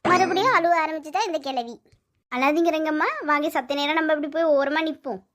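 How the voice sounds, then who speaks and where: Woman voicing a scheming old mother-in-law, very high voice, fast talk, cartoon. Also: fairly even intonation, a bit bright, a little hiss or hum. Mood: whining. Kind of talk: cartoon voice acting.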